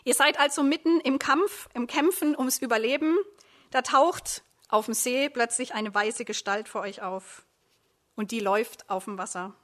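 A woman's voice: on the high side, moderate pace, a bit bright. Woman preacher painting a vivid scene. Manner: dramatic, addressing listeners directly. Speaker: preacher, discipleship program leader. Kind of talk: sermon with vivid second-person storytelling.

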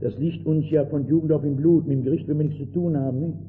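Older male preacher, fervent sermon delivery with sharp loud-soft swings; thin lo-fi archival sound. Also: fairly high pitch, fairly even intonation, fast talker. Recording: tinny old lo-fi recording with faint hiss.

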